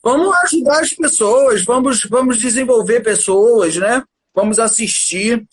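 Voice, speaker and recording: A man chatting as a guest on a livestream, telling a story in an animated, casual way and often addressing the listener as "cara". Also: very high voice, a little slow, a little hiss or hum. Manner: animated, keeps saying "cara".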